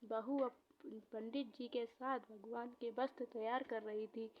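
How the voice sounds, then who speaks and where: A woman narrating a family story slowly and steadily, lightly voicing the mother-in-law and the daughter-in-law in their exchanges. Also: fairly high pitch, steady tone, muffled recording.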